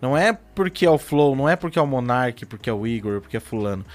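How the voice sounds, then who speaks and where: A man's voice: mid-range voice, animated, fast, faint music behind. A man hosting a casual podcast chat, laid-back and full of slang. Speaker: podcast host.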